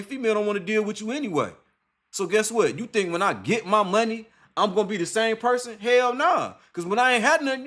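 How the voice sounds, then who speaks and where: A man's voice: sits high, fairly bright tone. A young man talking off the cuff in an interview, emphatic and repetitive, with heavy slang and profanity. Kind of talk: casual unscripted monologue.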